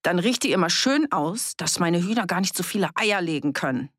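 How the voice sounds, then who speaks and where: A woman's voice: on the low side, animated, normal speed, no echo, studio quality. A woman doing a furious scornful farm woman. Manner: sharp, scolding, sneering.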